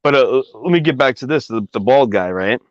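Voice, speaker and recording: A man's voice: mid-range voice, lively intonation, a little fast, dry recording. A man casually telling a long personal story, rambling with many fillers and asides. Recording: dry, slightly dull recording.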